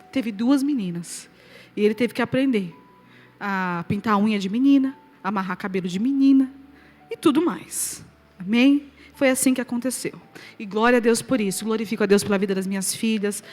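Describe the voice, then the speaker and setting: Animated high-voiced Brazilian woman preacher. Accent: Brazilian Portuguese. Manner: animated storyteller, swings loud and soft, laughs along. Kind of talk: testimony to a live audience.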